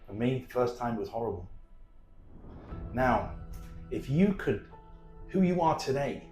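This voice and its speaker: A man presenting a guided self-help talk from inside a cable car, in deliberate, halting phrases. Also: medium pitch, lively intonation, a little mellow. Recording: echoey small cabin acoustics, music.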